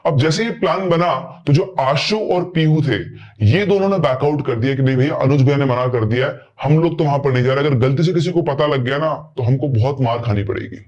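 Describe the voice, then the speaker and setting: A man's voice: mid-range voice, brisk, a little mellow. A man telling a horror story in a chatty, casual way, acting out the characters' lines. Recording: dull lo-fi recording.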